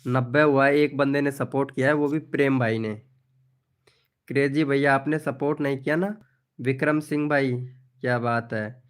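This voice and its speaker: A man's voice: medium pitch, steady tone, normal speed, smooth. A man hosting a live stream, chatting casually as he reads out viewers' comments, calling people by name and often laughing. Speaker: live stream host promoting channels.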